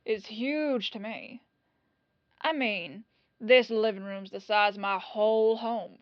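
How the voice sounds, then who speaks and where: In an ASMR roleplay audio drama, a woman voices a humble, apologetic police detective who rambles in a disarmingly casual, chatty way. She speaks slowly at a medium pitch, in a natural voice with no room sound and the high frequencies cut off.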